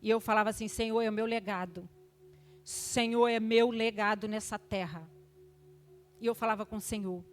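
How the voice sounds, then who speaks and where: An older woman giving an emotional testimony at a church service, fervent, moving between loud exhortation and hushed tones. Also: mid-range voice, fairly even intonation, moderate pace.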